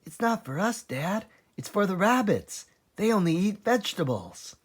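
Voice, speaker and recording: A man's voice: sits high, very animated, normal speed, husky, pitched above the performer's own voice, heavily acted. A man voicing a small, thoughtful and eager young male fox cub in a children's storybook. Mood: earnest, pleading.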